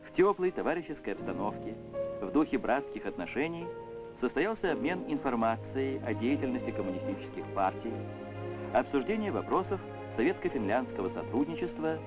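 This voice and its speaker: A man narrates an old 1970s newsreel in a solemn, official, declamatory manner. His intonation rises and falls widely, and his pitch sits in the middle. Music plays clearly beneath his voice throughout. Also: sing-song, a little fast. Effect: old 1970s newsreel soundtrack.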